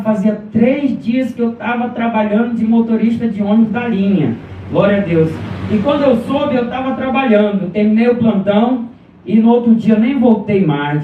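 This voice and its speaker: Man, preacher, testimony sermon, high voice, far from the mic, boomy hall echo. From Brazil. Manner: storytelling, frequent interjections of praise. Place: church sanctuary. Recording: far-off echoey hall, phone-like sound.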